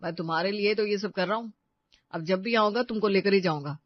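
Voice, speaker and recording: A breezy young husband from an animated story, voiced by a man, casual and reassuring, mixing in English phrases. His voice sits high for a man. The recording is dry and a bit dull. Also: brisk, no room sound, lightly acted. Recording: dry, slightly dull lo-fi audio.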